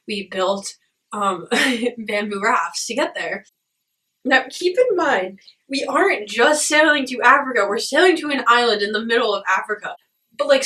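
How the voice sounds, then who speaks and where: A young woman casually telling a story in a puzzled, rambling way, as if piecing together a dream, with animated quoted asides. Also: medium pitch, far from the mic, rough recording. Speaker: vlogger recounting a dream.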